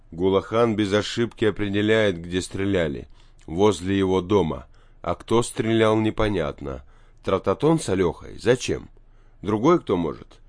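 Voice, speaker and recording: A man with a fairly low voice reads a story aloud in steady, even narration. The recording is dry and close, with no room sound. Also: no echo. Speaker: audiobook narrator. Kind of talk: scripted narration.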